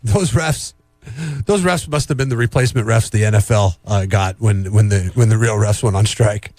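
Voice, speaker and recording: A man's voice: lowish voice, moderate pace, darkish tone, no room sound. A man co-hosting a morning radio show in casual chat, rambling and repeating himself as he talks. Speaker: co-host.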